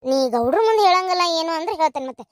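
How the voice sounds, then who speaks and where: A woman doing a hushed old village gossip. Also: very high-pitched, expressive, very fast, dry recording, clean studio sound. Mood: confiding. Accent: North Karnataka Kannada. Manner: hushed, confiding, wary. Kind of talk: cartoon voice acting.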